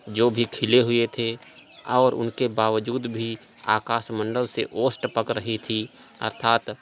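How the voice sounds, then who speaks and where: A man's voice: lowish voice, fairly bright tone, slight background noise. A man teaching a class, explaining a poem line by line and patiently restating each verse in plain words.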